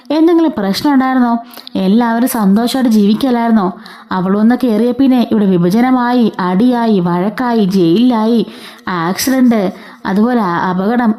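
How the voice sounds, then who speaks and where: A woman's voice: a little high, warm tone, close to an everyday voice. A woman voicing a bitter, harsh middle-aged mother who accuses and scolds.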